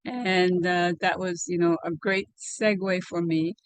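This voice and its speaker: An older woman from Liberia, recounting her past in an oral history interview over a video call, speaking in a measured way with many fillers. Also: on the low side, fairly even intonation, no echo. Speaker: interviewee, alumna. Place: home room, indoors. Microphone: video call webcam.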